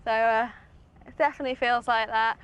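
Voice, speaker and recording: Rueful woman contestant, slightly high. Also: fairly even intonation, brisk, a bit bright, dull audio, a little hiss or hum. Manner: rueful, self-mocking. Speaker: game show contestant. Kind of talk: candid remarks during a game.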